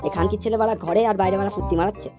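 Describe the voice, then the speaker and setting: A woman voicing a crude, hot-tempered father in a cartoon, who swears constantly and yells threats at his son. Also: mid-range voice, steady tone, very fast, over music, close to an everyday voice. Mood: furious. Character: crude hot-tempered middle-aged father, foul-mouthed. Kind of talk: cartoon voice acting.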